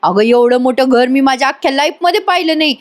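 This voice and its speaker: An excitable young village woman who chatters nonstop, as a woman puts her on. The voice is high and lively. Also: fast, natural voice. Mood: chattering.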